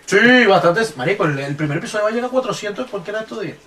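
A man's voice: sits high, animated, rapid-fire, fairly bright tone, distant mic. A man with a Venezuelan accent, co-hosting a podcast in casual, joking, slangy banter. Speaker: podcast co-host. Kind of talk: casual chat.

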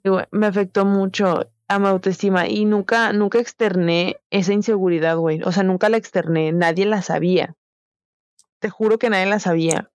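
A woman's voice: medium pitch, fairly even intonation, normal speed, a little mellow, dry recording, muffled recording. A young woman with a Mexican Spanish accent, telling a personal story in a candid, slangy way with many fillers. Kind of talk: casual storytelling chat.

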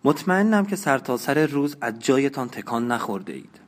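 A man reading an audiobook and voicing a lively, eager young woman who talks in an animated, caring and slightly coquettish way. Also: mid-range voice, pitched above the performer's own voice, close to an everyday voice. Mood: eager, insistent. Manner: animated and concerned, a bit coquettish.

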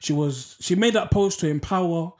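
A man's voice: fairly high pitch, normal speed, a little mellow. A young man with an urban London roadman accent, chatting casually and giving advice in an emphatic, repetitive, slangy way.

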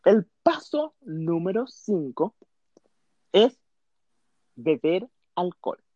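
A man's voice: sits high, big pitch swings, very slow, warm tone, dry recording, dull audio. A man co-hosting a podcast, giving comic mock advice in a theatrical, mocking way and acting out other people's voices. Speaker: podcast co-host.

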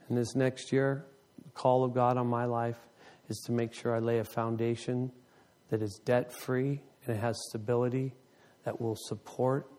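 Speaking to his own congregation, a man in his fifties who leads its ministry recounts a deeply emotional testimony. His delivery is highly animated, with his pitch shooting upward each time he gets worked up.

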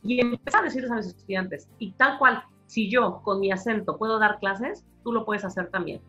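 A Mexican woman with a Mexican accent, an academic guest explaining her views in a lively conversational interview. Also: medium pitch, normal speed, husky, muffled recording, faint music behind. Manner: animated explainer, acting out quoted voices.

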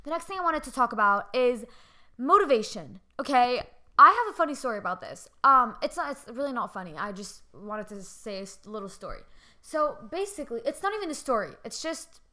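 Woman rambling on her own podcast at home, like like like, bright sharp voice, kinda high. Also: big pitch swings, brisk. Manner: rambling, filler-heavy, lots of "like". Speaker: podcast host. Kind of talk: casual solo podcast chat. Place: home with family nearby.

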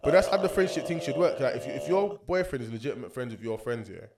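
Over music, a young podcast co-host with a London roadman accent chats casually in slang, voicing strong opinions and often using street-style tag questions. His mid-range voice is creaky and sing-song, and his pace is quick.

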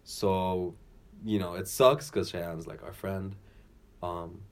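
A man co-hosting a podcast, speaking in a measured, thoughtful way. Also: low-pitched, fairly even intonation. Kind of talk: casual chat.

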